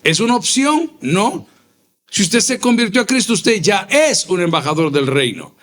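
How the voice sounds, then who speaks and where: A male pastor, preaching a sermon with emphatic repeated phrases and sudden rises in pitch. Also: big pitch swings, normal speed, a bit bright. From El Salvador.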